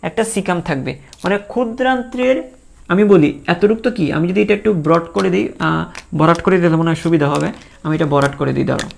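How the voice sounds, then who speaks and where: A man's voice: high-pitched, a little fast, vocal fry, slight background noise. A man teaching a biology lesson, repeating key terms and asking and answering his own questions. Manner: voices imagined student questions. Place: recorded for an online lecture.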